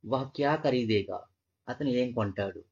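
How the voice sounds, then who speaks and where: A man's voice: mid-range voice, normal speed, a little mellow, breathy edge. A man teaching a language lesson, patiently repeating each phrase and breaking it into parts. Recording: dull, muffled lo-fi audio.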